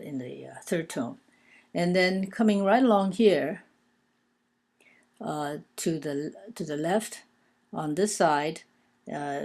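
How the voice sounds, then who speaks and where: In a low, darkish voice, a woman teaches a casual language lesson, spelling and counting out loud. She's hesitant throughout, full of fillers and false starts.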